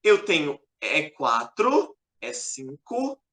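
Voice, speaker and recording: A man's voice: on the high side, very animated, slow pace, fairly bright tone. A man teaching a chess lesson, patient and repetitive as he points at the board. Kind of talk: explaining a lesson over a board. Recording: echoey room.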